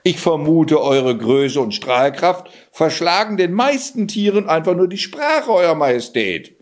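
A man's voice: a little high, unhurried, pitched above the performer's own voice. A man voicing a sly, fawning tomcat. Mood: flattering. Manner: flattering, theatrically pleading.

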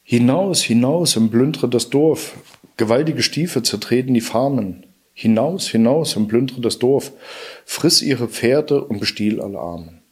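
A man's voice: medium pitch, fairly quick, hardly any pauses, natural voice. A man voicing a desperate enchanted harp. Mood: chanting. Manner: sung-spoken verses. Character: enchanted singing harp, female, captive and desperate.

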